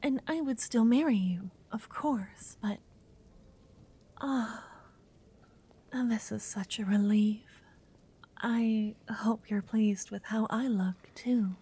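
A woman whispers softly as a timid young noblewoman in a roleplay, nervous and stammering at times. Her voice sits on the high side and is slightly rough, moving slowly with long pauses.

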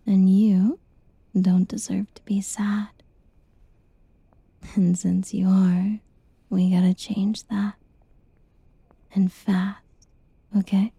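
A woman whispers softly and slowly, her voice very breathy and airy with a gravelly edge of fry. Her tone is deeply mellow and stays within a narrow, even range, soothing and reassuring in an ASMR roleplay. The sound is close and completely dry. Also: no room sound. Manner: slow, tender and reassuring.

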